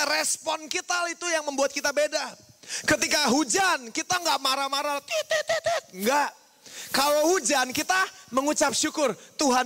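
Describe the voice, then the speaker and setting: Young guy preaching to teens, keeps asking "right?", bleeps out swears, sharp bright tone. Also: very high voice. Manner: lively, asks the crowd "right?" again and again; mimics people and makes bleep sounds for swear words. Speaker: youth preacher. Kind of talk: youth sermon.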